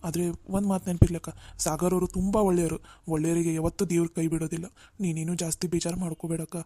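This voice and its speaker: Woman as a reassuring young cartoon sister, low mellow voice, fast. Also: flat delivery, no room sound, lightly acted. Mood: soothing. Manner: soothing, reassuring. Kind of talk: Kannada cartoon voice acting.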